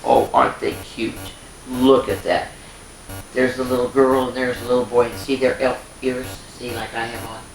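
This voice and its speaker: Hosting a children's storytime, a woman with a bass voice reads a picture book aloud, adding homely, chatty asides, exclaiming and pointing things out to the young listeners. She speaks at normal speed with fairly even intonation. The room is echoey, with background music and crowd noise.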